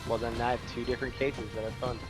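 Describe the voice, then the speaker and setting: A man's voice: medium pitch, little pitch movement, rapid-fire, over loud music. A man playing in a tabletop game, eager and talking over himself. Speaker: player. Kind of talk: casual tabletop play.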